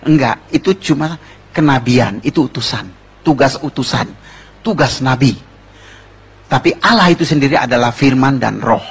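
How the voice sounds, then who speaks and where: A man's voice: medium pitch, normal speed, slightly rough. A man preaching a conversational sermon, asking the congregation rhetorical questions and telling jokey stories in a slangy, informal way. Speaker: preacher giving a testimony.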